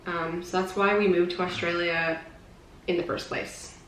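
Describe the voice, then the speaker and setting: A woman's voice: lowish voice, level tone, moderate pace, fairly bright tone, roomy sound, a little hiss or hum, low-quality recording. A woman in her twenties from British Columbia, chatting casually in a Q&A vlog and reading out the questions. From British Columbia, Canada. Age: 20s. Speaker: vlogger, youth missions worker. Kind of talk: casual Q&A chat.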